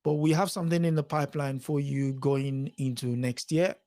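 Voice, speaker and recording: A man's voice: a little high, steady tone, normal speed, dark tone. A man hosting an interview, asking reflective questions and murmuring along as his guest speaks. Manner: poses reflective questions, frequent listening murmurs. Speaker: host. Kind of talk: conversational interview.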